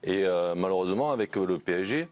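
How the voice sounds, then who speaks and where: A man's voice: low voice, lively intonation, quick pace, a little mellow. A man, a regular football pundit in a TV studio debate, giving blunt critical opinions with many restarts.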